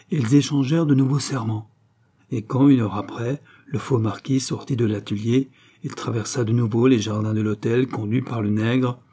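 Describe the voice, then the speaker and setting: This male narrator has a husky, dark, medium-pitched voice. He delivers scripted narration of a classic novel for an audiobook.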